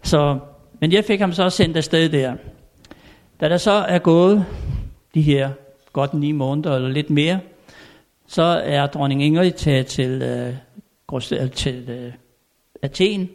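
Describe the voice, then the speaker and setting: Older man with a fairly high voice. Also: pauses often, a little mellow. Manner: chuckles often, chatty with fillers. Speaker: storyteller. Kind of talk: anecdotal storytelling.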